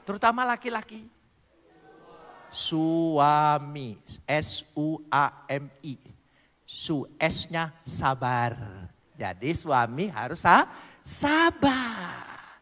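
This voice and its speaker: A male pastor preaching a joking sermon, spelling out words letter by letter and swinging between loud declarations and low asides. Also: lively intonation, drawn-out words, long pauses, in a large hall.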